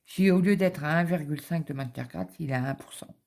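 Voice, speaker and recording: A woman's voice: sits low, brisk, creaky, a little mellow. A middle-aged woman, chatting casually and rambling through a story while she stitches in her home office. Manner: rambling anecdotal storytelling with many fillers. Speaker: cross-stitch vlogger.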